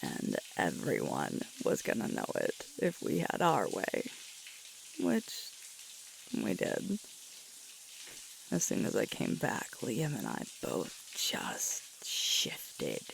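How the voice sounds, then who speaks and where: Over loud, constant shower hiss in a low-quality recording, a female performer voices a sweet, playful young alpha werewolf girlfriend, weary and sore, for ASMR roleplay storytelling. Her full character voice swoops wildly in pitch, slow, breathy and murmured, frequently whispering, halting and intimate with sighs. The mood is wry, relaxed reminiscing.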